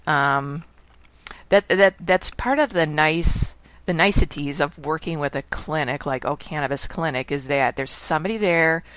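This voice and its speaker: A woman's voice: low-pitched, moderate pace, noisy background. A woman hosting a radio interview, steering it with brief questions. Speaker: radio show host.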